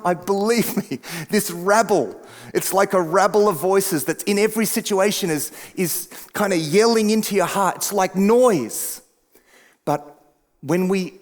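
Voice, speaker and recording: Man preaching in a reverberant church. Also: on the high side. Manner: conversational preaching with wide swings between hushed and emphatic. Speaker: pastor. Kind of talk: sermon. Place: church sanctuary.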